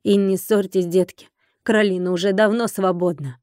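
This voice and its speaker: A woman voicing a calm, wry older mother who speaks softly and a little mockingly. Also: medium pitch, normal speed, no echo, clean studio sound, close to an everyday voice.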